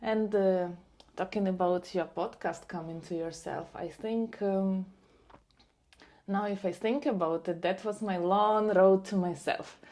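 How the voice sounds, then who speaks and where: Ukrainian-accented woman, reflective and halting. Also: mid-range voice, steady tone, warm tone. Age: 40s. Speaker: podcast guest. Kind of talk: conversational personal storytelling.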